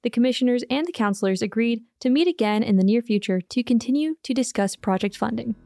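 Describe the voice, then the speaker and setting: A woman radio reporter reading scripted local news narration with an even delivery. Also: a little high, fast talker, vocal fry, no echo.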